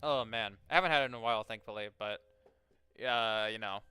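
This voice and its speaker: Bright, crisp-voiced young man streaming. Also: lowish voice, fairly quick, no room sound, faint music behind. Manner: rambling, lots of fillers and restarts, swears freely. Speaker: game streamer. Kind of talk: casual live-stream chat and reading game text aloud.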